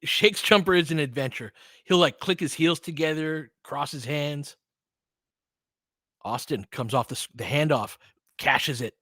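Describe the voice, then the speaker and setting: His pitch is fairly high and his tone fairly bright as this podcast host works through casual live basketball play-by-play, unhurried and clipped, chatting with listeners as he goes. The recording is dry and clean studio quality.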